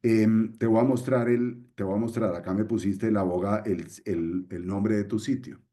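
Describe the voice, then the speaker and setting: Low-voiced man explaining. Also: steady tone, normal speed, mellow. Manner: explanatory, repeats key points. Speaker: webinar presenter. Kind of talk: screen-share webinar explanation.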